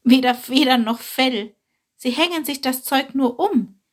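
A woman voicing a fat, easygoing male bird in a storybook reading, amused and reassuring, with a breathy tone. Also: high voice, unhurried, pitched above the performer's own voice.

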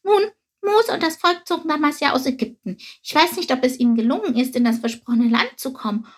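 A woman voicing an eager, curious male sparrow in a storybook, asking excited, chirpy questions. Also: high voice, brisk, voice pushed up. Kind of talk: storybook reading.

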